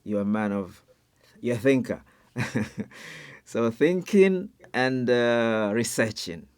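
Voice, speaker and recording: A man hosting an online panel interview, enthusiastic, with quick interjections. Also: medium pitch, expressive, smooth. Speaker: host. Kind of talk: interview chat.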